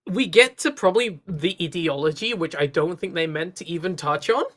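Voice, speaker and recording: A woman's voice: fairly low pitch, expressive, brisk. A woman co-hosting a podcast who gives a casual, comedic recap of an episode and playfully breaks into mock voices. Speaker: podcast co-host.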